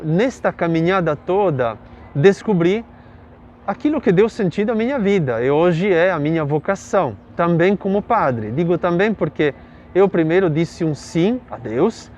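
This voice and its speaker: Italian priest speaking reflectively. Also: male voice, fairly high pitch, a little mellow, lo-fi sound, slight background noise. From Italy. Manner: thoughtful, with fillers and tag questions. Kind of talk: interview answer, telling his story.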